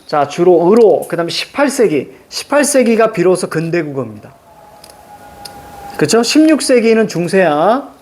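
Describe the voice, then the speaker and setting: Lively high-pitched male teacher lecturing. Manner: drills students with frequent check-in questions; drawn-out emphasis on example words. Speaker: Korean language teacher. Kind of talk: classroom lecture.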